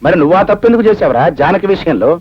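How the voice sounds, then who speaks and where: A middle-aged father with a high, fast voice who lectures his son with force. The old film soundtrack is dull, with loud music underneath. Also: big pitch swings, background noise. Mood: lecturing. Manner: forceful, moralizing.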